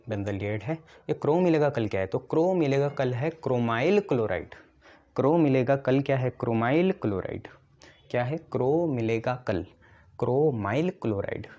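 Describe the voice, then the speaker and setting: A man teaching chemistry in a soft, mellow voice of middle pitch. He walks through each step, keeps checking that the class is following, and asks a question before giving the answer himself. The recording sounds dull and lo-fi. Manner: explains step by step, often checks "ठीक है". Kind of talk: classroom lecture with memory tricks.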